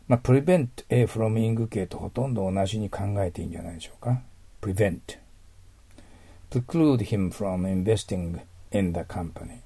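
A man's voice: on the low side, creaky, warm tone, slightly rough, dry recording. A man teaching English vocabulary, breaking words into their roots and asking his listeners rhetorical questions. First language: Japanese. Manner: explains word roots step by step, asks listeners rhetorical questions. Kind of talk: recorded vocabulary lesson.

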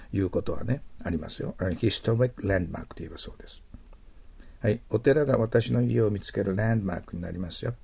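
A middle-aged man teaching TOEIC English vocabulary, explaining words and slowly modeling their English pronunciation. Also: on the low side, gravelly, darkish tone, breathy edge.

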